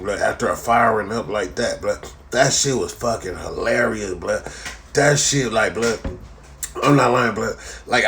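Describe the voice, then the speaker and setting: A man's voice: on the low side, fairly bright tone, a little hiss or hum. A man hosting a live stream, ranting casually to viewers with heavy swearing and a slang tag repeated at the end of his lines. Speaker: live-stream host reading chat comments. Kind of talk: casual profane rant to viewers.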